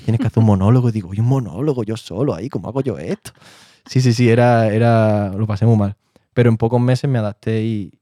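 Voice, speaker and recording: A man's voice: on the low side, warm tone, dry recording, studio quality. A man from Spain, an actor and director, telling his story in a casual interview. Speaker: interview guest. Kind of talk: casual chat.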